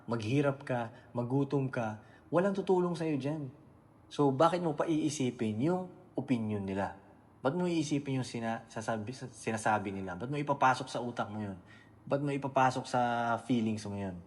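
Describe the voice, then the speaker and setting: A man giving a casual motivational talk, blunt and swearing freely, checking in with the listener again and again. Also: mid-range voice. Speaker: motivational speaker.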